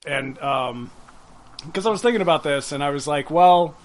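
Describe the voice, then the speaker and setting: A man's voice: a little high, animated, normal speed, fairly bright tone, low-quality recording. A man co-hosting a podcast in casual chat, wry and swearing freely, with plenty of fillers. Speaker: podcast co-host.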